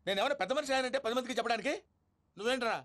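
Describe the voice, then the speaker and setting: An actor playing a bossy, quick-talking father who speaks in a brisk, scolding way in a comic film. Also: very high voice, a bit bright. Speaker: father and husband.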